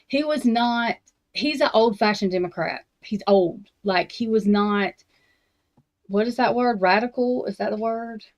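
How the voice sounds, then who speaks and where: Speaking unhurriedly in a fairly high voice, this woman runs a true crime talk stream where she vents bluntly and swears a lot. Her talk rambles with frequent restarts and slangy, Southern-tinged grammar, and the recording is a bit dull and lo-fi.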